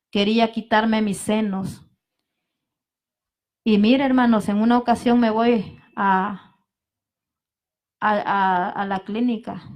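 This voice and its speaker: Woman, church testimony, earnest, mid-pitched, narrow even intonation. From El Salvador. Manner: earnest, repeatedly addresses the congregation as brethren. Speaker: person giving a church testimony. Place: evangelical vigil service.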